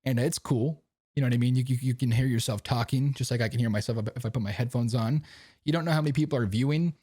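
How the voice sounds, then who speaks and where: A young man rambles through a casual podcast chat in an easy, slangy way. His voice sits at an ordinary middle pitch. The sound is close and dry, with no room echo. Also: fast, mellow, husky. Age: young adult. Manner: laid-back, rambling, slangy, keeps asking "you know what I mean". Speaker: podcast host. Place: home recording setup.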